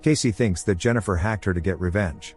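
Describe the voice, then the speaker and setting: A man tells a film's plot in an even, scripted recap voice. His voice sits low with a husky, slightly breathy grain. Faint music plays quietly underneath the narration. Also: fairly quick. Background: soft background music.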